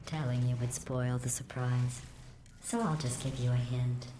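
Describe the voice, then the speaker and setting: A woman voicing a cold, sarcastic female AI overseer, with a deadpan, passive-aggressive manner and a synthetic processed sound. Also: a bass voice, measured pace. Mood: mocking. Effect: synthetic computer voice processing. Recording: roomy game audio with heavy background noise.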